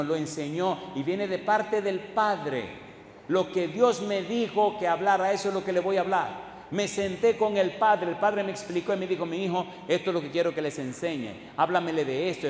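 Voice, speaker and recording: Preaching man, high voice, echoey hall. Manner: repetitive call-and-response questions to the congregation; emphatic, building to loud declarations. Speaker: pastor. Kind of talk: sermon. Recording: echoey hall with faint background noise.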